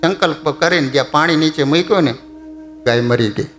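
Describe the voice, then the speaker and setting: A man's voice: on the high side, fairly quick, a bit bright. A male preacher telling a devotional story in a chatty way, often putting questions to his audience. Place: temple hall. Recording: echoey hall, faint music behind.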